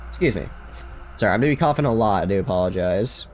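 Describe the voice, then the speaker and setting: A man streaming a strategy game late at night at home, talking quietly in a rambling, self-joking way. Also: lowish voice, animated, a little fast, slight background noise. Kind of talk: casual gameplay commentary.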